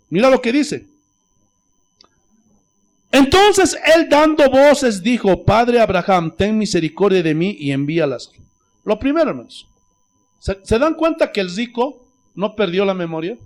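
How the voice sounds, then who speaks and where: A male pastor from Bolivia preaching a sermon with fervor, swinging between loud outbursts and hushed asides, often repeating praise phrases. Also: high voice. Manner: fervent, rising to shouts and dropping to near-whispers; peppers speech with "gloria a Dios".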